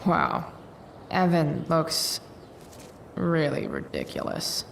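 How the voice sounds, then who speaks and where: A woman's voice: low voice, wildly swooping pitch, takes it slowly, vocal fry, slight background noise, full character voice. A woman playing a sardonic teenage girl in a video game, muttering dry asides to herself. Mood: dry, mocking.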